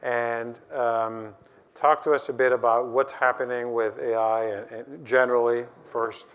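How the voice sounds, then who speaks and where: A man's voice: medium pitch, little pitch movement, unhurried, smooth. A man moderating a conference panel, asking long rambling questions with frequent restarts. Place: conference stage. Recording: dull lo-fi sound.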